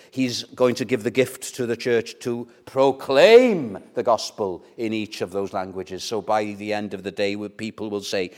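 An older Welsh pastor, a Welsh speaker from Wales, preaches a sermon conversationally in a fairly low voice, using rhetorical questions and repeated words. His loudness rises and falls widely, swelling and then dropping almost to a whisper.

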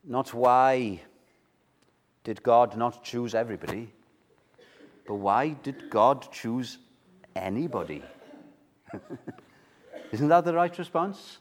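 Male preacher, pulpit mic, slow and earnest, rises loud then falls quiet. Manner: earnest, swelling to loud emphasis then dropping low. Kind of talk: evening sermon. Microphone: pulpit microphone.

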